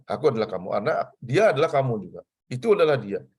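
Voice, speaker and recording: An older man from Bali, a civil service trainer, giving a lively, preachy lecture to trainees and slipping in Javanese phrases. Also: medium pitch, fast talker, slightly rough.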